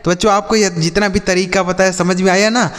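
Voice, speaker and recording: A man with a slightly high voice teaches phonics, walking children through each sound and asking them back. His voice rings with a long, hall-like reverb. He talks with patient repetition. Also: fairly even intonation, fairly quick, fairly bright tone. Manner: patient, repeats and quizzes the children. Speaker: English teacher. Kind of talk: classroom-style phonics lesson.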